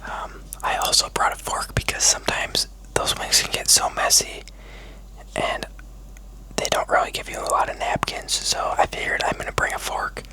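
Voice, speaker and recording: A food vlogger speaking in an unhurried, casual, chatty whisper close to the microphone for an ASMR mukbang video. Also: bright, forceful tone, low-quality recording.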